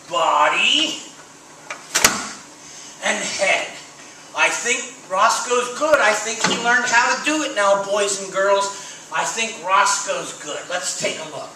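A middle-aged man does playful kids' party magician patter in simple, exaggerated phrases. His voice is very high for a man and unhurried. It sounds echoey, picked up from a distance. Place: indoor small curtained stage. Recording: echoey, noisy room, distant pickup.

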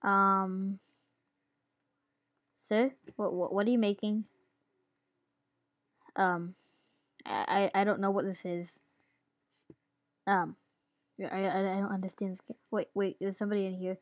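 A woman's voice: mid-range voice, flat delivery, unhurried, pauses often, dry recording, highs cut off. A woman giving casual gameplay commentary as a YouTuber, giggly and hesitant with lots of ums, while she has the hiccups. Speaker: gaming YouTuber.

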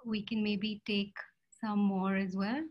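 Woman in her thirties, panelist on a home video call, halting delivery full of fillers. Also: mid-range voice, little pitch movement, highs cut off. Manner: hesitant, many fillers and restarts. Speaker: panelist artist. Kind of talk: casual video call discussion. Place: home room indoors. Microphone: laptop webcam video call.

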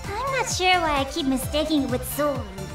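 Very high, sweet anime game girl. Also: big pitch swings, fairly quick. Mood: friendly, airy. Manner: cutesy, friendly. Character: sweet, cheerful, airy young nursing student girl. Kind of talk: English video game voice acting. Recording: roomy, distant, loud game music behind.

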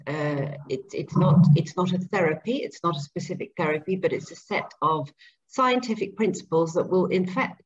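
A middle-aged woman, a speech and language therapist, talking earnestly at length as a guest on a video-call interview from her home kitchen. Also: fairly low pitch. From grew up in Zambia and Papua New Guinea. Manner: chatty, earnest, explains at length. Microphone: laptop webcam mic on video call. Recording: dull lo-fi call audio, faint noise.

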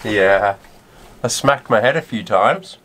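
A man in his thirties, a sailing vlogger, casually explains the repair work he's doing inside his sailboat and up on deck. His voice sits fairly low, with lively intonation, a slow pace and a slightly bright tone. The noisy audio comes from an on-location camera.

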